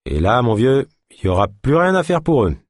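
A man playing a gruff, suspicious male guard who grumbles and speaks bluntly, read in an audiobook. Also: medium pitch, very animated, fairly quick, no room sound, clean studio sound, voice pushed up. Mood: gruff, wary.

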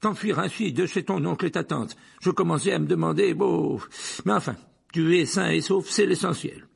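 A man's voice: fairly high pitch, normal speed, gravelly, breathy edge, voice pushed up, full character voice. A man voicing a plump, weary male government minister who speaks in a curt, fussy, officious way. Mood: brusque.

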